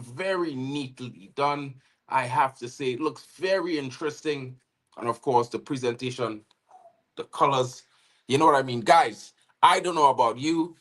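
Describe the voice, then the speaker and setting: A Trinidadian man with a fairly high pitch co-hosts a live football watchalong, chatting casually. He gives viewers shout-outs and keeps dropping "you know what I mean."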